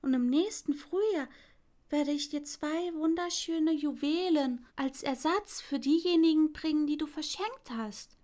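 A woman voicing a soft-hearted female swallow in a storybook reading, raising her voice for the bird. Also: sits high, a little slow, pitched above the performer's own voice. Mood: wistful. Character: gentle, tender female swallow.

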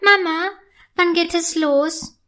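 An eager, jumpy little girl, put on by a woman reading a children's story aloud. The voice sits very high and childlike. The lines come out slow and carefully paced. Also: bright, forceful tone. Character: excitable little girl, eager and easily scared.

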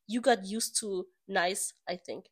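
A young woman co-hosting a podcast, telling a story in a lively, animated way, reading text messages aloud and swearing freely. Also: medium pitch, slow pace. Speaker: podcast co-host. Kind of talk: casual chat.

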